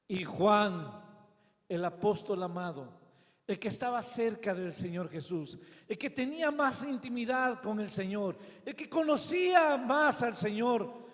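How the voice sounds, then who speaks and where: High-voiced Mexican pastor preaching dramatically. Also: male voice. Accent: Mexican Spanish. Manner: dramatic storytelling, shouting high then dropping soft. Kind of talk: sermon. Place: church. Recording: long church hall reverb.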